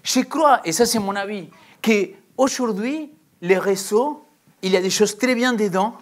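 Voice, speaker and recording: A woman's voice: mid-range voice, unhurried. A woman preaching a sermon in a questioning, reflective way, drawing out her phrases.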